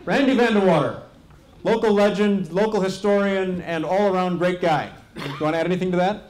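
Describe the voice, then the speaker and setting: A man's voice: sits high, brisk, darkish tone. A middle-aged American man with a genial, joking manner, informally introducing people as host of a live event on a handheld microphone. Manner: jokey, genial. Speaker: mayor acting as event host. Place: event tent with seated audience. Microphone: handheld stage microphone. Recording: echoey event tent, audience murmur.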